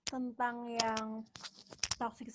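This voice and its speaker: A woman's voice: on the high side, level tone, slow, very noisy. A woman participant in a youth group asking a question casually, mixing in English phrases. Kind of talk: casual chat.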